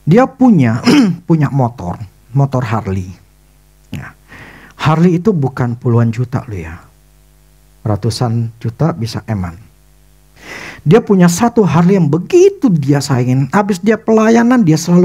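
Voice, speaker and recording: Husky-voiced guy pastor preaching, kinda high, tells stories real animated, super casual. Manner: lively storytelling, acting out dialogue; casual colloquial phrasing. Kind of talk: sermon.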